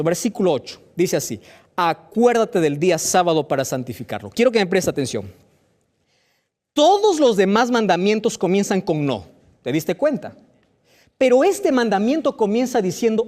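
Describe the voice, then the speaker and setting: Lively, animated man preaching a sermon. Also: normal speed. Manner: rhetorical questions to the listener, voicing imagined objections; lively, dramatic swings in pitch and loudness.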